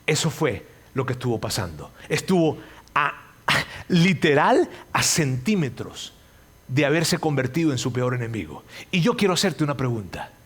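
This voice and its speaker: A man preaching a sermon, earnest and pleading, repeating his phrases and telling the story with sudden loud and quiet turns. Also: mid-range voice, very animated, moderate pace, husky.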